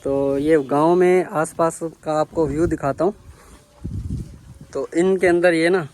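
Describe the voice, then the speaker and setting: Man interviewing in the fields, voice a bit high. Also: fairly even intonation, measured pace, a little mellow, slight background noise. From Sindh, Pakistan. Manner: asks short questions and repeats each answer back. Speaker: village vlogger interviewing workers. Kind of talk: casual interview and talk to camera. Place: outdoors in village farmland.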